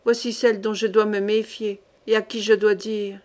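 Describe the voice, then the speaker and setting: A woman's voice: medium pitch, little pitch movement, moderate pace, a little mellow, natural voice. A woman voicing a sly boastful fake monk. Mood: scheming. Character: sly rogue posing as monk, man.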